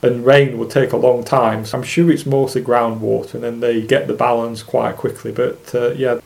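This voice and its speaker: A man's voice: medium pitch, level tone, moderate pace, gravelly. A man from Lancashire, explaining things off the cuff in a musing, loosely structured way as an interview guest. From Lancashire, England. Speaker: podcast guest, specimen angler.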